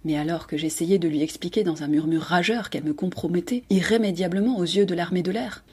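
A woman narrates a literary novel as an audiobook, measured and expressive. Her voice sits low and sounds breathy and husky. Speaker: host and reader.

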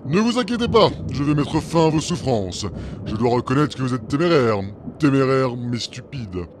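A man's voice: mid-range voice, expressive, moderate pace, noisy background, close to an everyday voice. A man playing a menacing, haughty wizard villain in a fantasy parody, speaking in formal, theatrical threats. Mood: haughty menace. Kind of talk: parody fantasy cartoon acting. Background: music.

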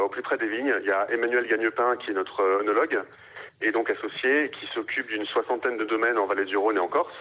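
A man from Paris, a winemaker guest answering radio interview questions, hesitant with many fillers and restarts. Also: lowish voice. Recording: dull radio sound.

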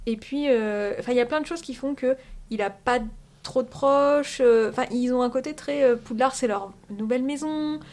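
A woman's voice: high voice, normal speed, a little mellow. A young woman guest chatting in a casual podcast discussion, talking with many hesitations and restarts.

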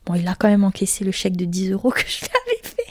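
A woman's voice: mid-range voice, huge pitch swings, quick pace, no echo, clean studio sound. A young woman from Corsica frankly telling a personal story in casual talk, crude and emphatic, acting out what people said. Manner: frank, crude, emphatic retelling with acted quotes.

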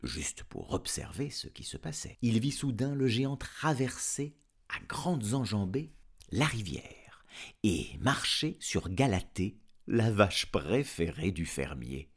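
A man narrating a novel aloud as an expressive audiobook reader. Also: mid-range voice. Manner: expressive, lively reading. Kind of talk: audiobook storytelling.

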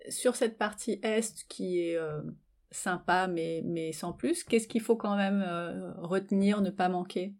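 A woman hosting an interview, asking relaxed questions with playful follow-ups. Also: medium pitch, slow. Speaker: interviewer host. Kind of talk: casual conversational interview.

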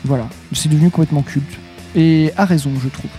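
Hesitant male radio host, mellow voice. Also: a little high, steady tone, a little fast, soft background music. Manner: hesitant, lots of fillers. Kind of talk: casual radio chat.

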